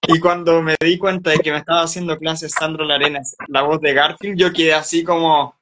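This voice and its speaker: A man hosts a casual interview, telling his stories with eager enthusiasm. His voice sits a little high for a man and has a bright, sharp edge. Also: flat delivery, fairly quick. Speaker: host.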